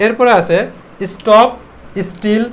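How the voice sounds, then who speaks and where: A man's voice: high-pitched, takes it slowly, a little hiss or hum. A man with a Bengali accent teaching an English pronunciation class, explaining step by step and drilling words in repeated rounds. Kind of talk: spoken English lesson.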